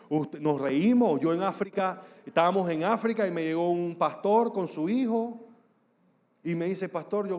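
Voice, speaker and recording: A male pastor delivers a lively, joking sermon in a somewhat high voice. He acts out bits of dialogue as he tells the story. The sound carries a long reverb from a large church hall. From Panama. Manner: storytelling with humor and acted-out dialogue.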